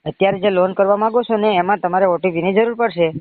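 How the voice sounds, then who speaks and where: A fast-talking man with a high voice and a Gujarati accent poses as a bank loan agent in a phone sales conversation. He is pushy, insistent and repetitive, and the recorded call sounds muffled and narrow-band over the phone line.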